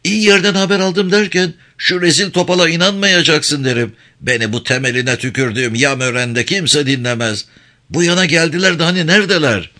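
A man voicing a loud, boastful village gendarme who mocks others. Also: a little high, lively intonation, moderate pace, hardly any pauses, voice pushed up. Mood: blustering.

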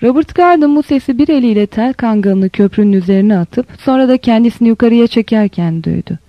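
A woman reading a novel aloud as an audiobook narrator, in a measured, steady way. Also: on the high side, dry recording, dull audio.

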